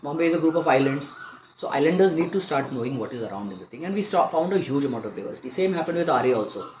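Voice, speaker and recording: This wildlife biologist and conservationist, a man in his fifties with an Indian accent, speaks very fast with a fairly high pitch, lively intonation and a somewhat dark tone. As an interview guest he explains things in a conversational, articulate and educated way. The audio sounds roomy and muffled, with faint noise in the background.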